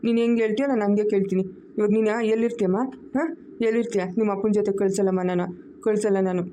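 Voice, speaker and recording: Woman as a grieving old grandfather, flat dark voice, rapid lamenting, cartoon. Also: mid-range voice, slight background noise, lightly acted. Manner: lamenting, pleading. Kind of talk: family cartoon voice acting.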